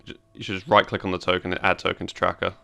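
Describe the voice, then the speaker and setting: Deep, gravelly man at the gaming table. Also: level tone, very fast, pushed and bright. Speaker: player. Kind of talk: describing his character in casual play.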